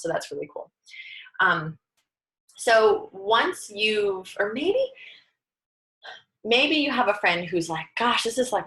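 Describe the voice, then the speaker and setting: A woman giving a casual, upbeat training talk, chatty and lively, often breaking into quoted dialogue. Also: poor audio. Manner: lively, upbeat, acts out quoted dialogue with sudden high pitch jumps. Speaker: network marketing trainer.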